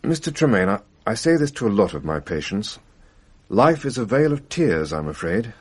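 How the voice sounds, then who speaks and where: This radio drama role is a calm, matter-of-fact doctor whose delivery is measured, reassuring, and a touch wry. The actor's male voice sits fairly low and has a husky quality.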